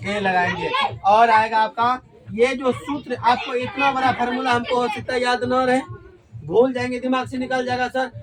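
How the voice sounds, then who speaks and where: A male teacher with a high voice leads a classroom grammar lesson. He keeps asking the class questions and repeats each key word back to them. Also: fairly even intonation, moderate pace, a crowd in the background. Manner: call-and-response questioning, repeats key words.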